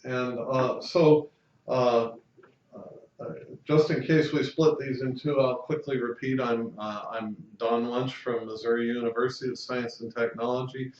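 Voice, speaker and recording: A man's voice: mid-range voice, fairly even intonation, measured pace, a little mellow, dull audio. Distant male interviewer in echoey room. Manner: hesitant, repeating words and fillers. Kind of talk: interview questions. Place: university building.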